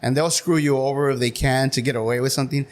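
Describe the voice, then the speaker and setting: A man in his forties chatting as an interview guest. He talks frankly and openly, loose and unpolished, with a lot of fillers and restarts, at an ordinary pitch. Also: fairly even intonation, quick pace. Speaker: podcast guest, city council member. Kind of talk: casual interview chat.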